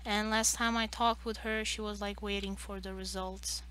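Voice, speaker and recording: A woman's voice: medium pitch, level tone, normal speed, a bit bright, slight background noise, rough recording. A woman in her late twenties chatting casually on a livestream, hesitant and rambling as she talks. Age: late 20s. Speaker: streamer and artist.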